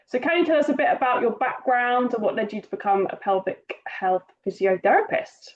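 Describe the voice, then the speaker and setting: A woman hosting a podcast, relaxed and easy-going, laughing often and phrasing her questions loosely. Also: a little high, a little fast. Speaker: podcast host. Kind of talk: casual podcast chat. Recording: dull lo-fi sound.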